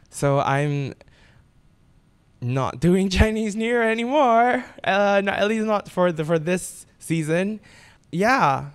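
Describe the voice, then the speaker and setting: A young man in his late twenties, a podcast guest, tells a personal story candidly, often restarting his sentences. His voice sits a little high with a gravelly edge. The sound is dry and close. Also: no room sound. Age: 20s. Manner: candid, repeats words and restarts when moved.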